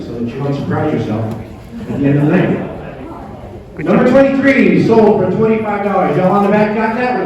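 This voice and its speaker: A man's voice: high-pitched, highs cut off. A man working as an auctioneer, informally calling and repeating bids and chatting through descriptions of the lots. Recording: echoey room, distant microphone.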